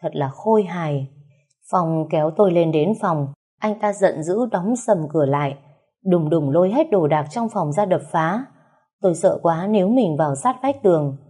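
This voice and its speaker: A woman's voice: on the low side, animated, normal speed, mellow, breathy edge. A woman narrating a first-person story in an emotional, plaintive way.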